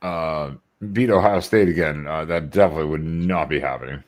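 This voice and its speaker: A man talking on an online call in a casual sports chat, animated and swearing freely. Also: extremely low pitch, fairly quick.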